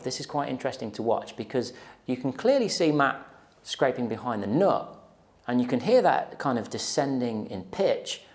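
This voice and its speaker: Speaking into a lapel mic in a small plain room, this man in his thirties gives a casual, explanatory guitar lesson to camera and frequently checks in with whoever's watching. His voice is mid-range and creaky.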